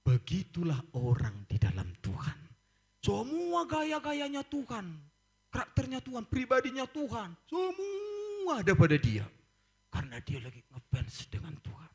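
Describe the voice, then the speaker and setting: Animated preacher man. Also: very high voice, measured pace, breathy edge. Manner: animated preaching, acts out quoted voices, laughs. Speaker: pastor. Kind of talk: lively sermon.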